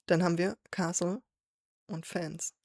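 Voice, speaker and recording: A woman's voice: fairly low pitch, steady tone, measured pace, gravelly, a little mellow, no echo, studio quality. A woman hosting a song reaction, thinking aloud as she explains the lyrics line by line. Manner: thoughtful, reflective, with fillers. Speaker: reaction video host.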